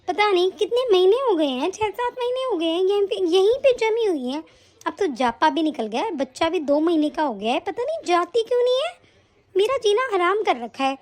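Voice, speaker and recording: A woman voicing a sharp-tongued, grudging sister-in-law in an animated story, full of sarcastic taunts. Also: very high-pitched. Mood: grumbling.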